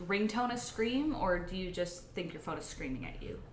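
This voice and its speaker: A woman's voice: fairly low pitch, expressive, normal speed, slight background noise. Playful woman podcast host, roomy sound. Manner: laughs often, playful teasing. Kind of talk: casual chat. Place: house room, indoors. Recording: roomy home room.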